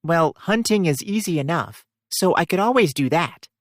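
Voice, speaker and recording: A woman's voice: fairly low pitch, animated, normal speed, no room sound, clean studio sound, lightly acted. A woman voicing an earnest young heroine who loves fishing and talks in a matter-of-fact way. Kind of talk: audiobook character voicing.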